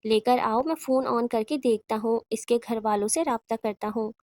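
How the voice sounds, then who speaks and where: A calm, protective older man, read by a woman narrator in her own fairly high voice, steady and reassuring. The horror storybook recording is dry and close. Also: dry recording, lightly acted. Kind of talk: audiobook horror reading.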